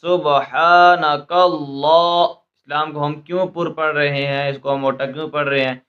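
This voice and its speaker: A man teaching Quran recitation, spelling out letters and syllables slowly, then explaining quickly and checking in with "theek hai" often. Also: medium pitch, dull audio.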